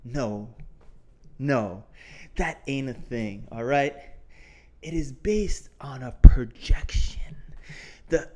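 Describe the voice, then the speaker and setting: A man's voice: medium pitch, expressive, extremely slow, long pauses, a little mellow, voice pushed down. A man putting on an indignant, taunting wrestler, delivering a science lecture as a theatrical, confrontational wrestling promo. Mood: challenging. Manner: theatrical, emphatic, confrontational, with slangy rhetorical questions. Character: indignant, taunting male wrestler cutting a promo against flat earthers. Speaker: geography teacher.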